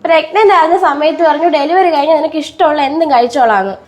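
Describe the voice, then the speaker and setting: A woman's voice: sits high, fast talker, close to an everyday voice. An actress in a short film drama, playing a weary young mother who pleads with her mother-in-law. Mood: aggrieved. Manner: pleading, aggrieved. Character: young new mother, exhausted and hurt. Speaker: daughter-in-law.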